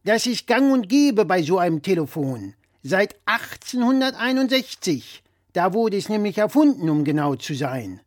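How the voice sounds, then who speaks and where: A loud, lecturing old-fashioned father with a raised, lively voice, put on by a male storyteller. He holds forth emphatically and keeps his opinions fixed. The reading is close and dry, with no room sound. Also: high-pitched, normal speed, no room sound, voice pushed up. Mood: blustering.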